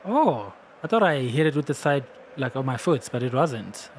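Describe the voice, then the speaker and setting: A man giving casual gameplay commentary, excitable, laughing often and shouting at big plays. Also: mid-range voice, normal speed, noisy background. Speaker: gaming channel host.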